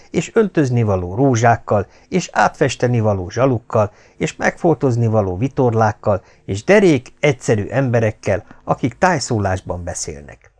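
A man narrating an audiobook in a wry, expressive storytelling manner. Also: mid-range voice.

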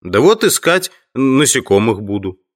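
In an audio drama, a male actor with a medium-pitched voice plays a polite, educated teacher who collects insects. He speaks courteously and patiently, a little slowly, yet very animated.

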